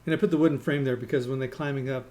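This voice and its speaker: A man in casual voice chat with friends while playing a game, explaining things haltingly with fillers. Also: medium pitch, steady tone, warm tone. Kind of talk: casual voice-chat gameplay talk.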